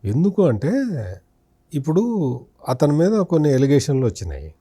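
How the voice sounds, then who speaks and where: A man's voice: on the high side, sing-song, moderate pace, warm tone, slightly rough, no room sound, clean studio sound. A man, a senior journalist, giving accusing political commentary in an interview, firing rhetorical questions at an absent politician.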